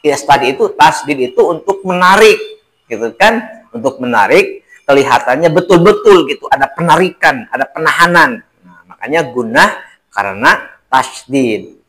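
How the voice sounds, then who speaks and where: A man's voice: mid-range voice, lively intonation, normal speed, a bit bright, rough recording. A man teaching Quran recitation, over-enunciating and stretching key words with emphatic repetition. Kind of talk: spoken tajwid lesson with demonstrated recitation.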